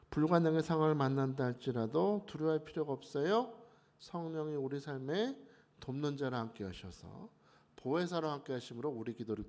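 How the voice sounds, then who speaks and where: Emphatic male preacher, fairly high voice. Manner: emphatic, with sudden louder, higher rises. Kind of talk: sermon at a dawn prayer meeting.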